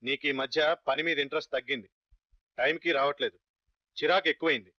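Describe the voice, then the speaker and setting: An impatient boss reprimands curtly, talking fast in a bright, slightly high voice. The audio is dry and dull, typical of a film soundtrack. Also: male voice, faint music behind. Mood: reprimanding. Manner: curt, reprimanding. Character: male boss, stern, impatient.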